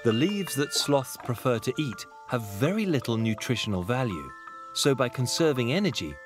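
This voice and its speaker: A man's voice: medium pitch, very animated, normal speed. A man delivering scripted narration for a nature documentary. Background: music.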